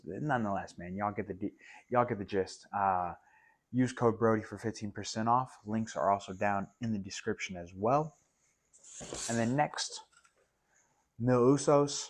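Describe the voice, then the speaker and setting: A man reading sponsor plugs for a podcast in a casual way, saying "man" and "y'all". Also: on the low side. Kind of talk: sponsor read.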